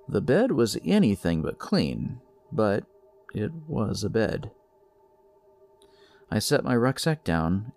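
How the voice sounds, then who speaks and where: A man narrating a first-person horror story in a slow, measured storytelling manner. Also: lowish voice, creaky, darkish tone, dry recording.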